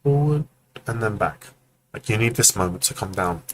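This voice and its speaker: A man with a lowish voice and lively intonation speaks at a moderate pace over poor audio. He's hosting a live stream, offering casual, friendly feedback on animation and acting out the movements as he explains, with joking asides to chat.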